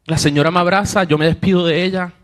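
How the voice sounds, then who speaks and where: A young man preaches to a congregation in a high, somewhat bright voice, speaking fast with a steady tone. He tells a personal story, acting out the voices of the people in it, and his delivery rises with emotion.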